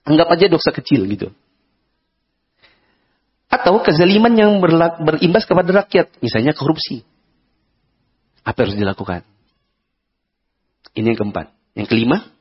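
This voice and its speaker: A man's voice: fairly high pitch, sing-song, normal speed, long pauses, breathy edge. A man with an Indonesian accent giving a conversational Islamic study lecture, asking the audience questions and acting out examples. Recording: dull lo-fi lecture recording.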